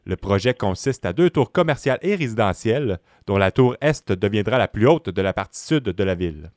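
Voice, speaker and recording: A man's voice: fairly low pitch, animated, a little fast, darkish tone, no echo, studio quality. A man, working as an interviewer, introducing a topic and putting questions to a guest. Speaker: radio interviewer.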